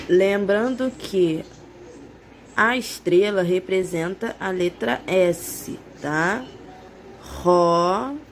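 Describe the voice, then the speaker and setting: A preschool teacher with a Brazilian accent dictates words at a very slow, patient pace, repeating each one. Her voice sits in a middle range. A faint hiss runs under the recording. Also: mid-range voice. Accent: Brazilian Portuguese. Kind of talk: slow handwriting lesson for children.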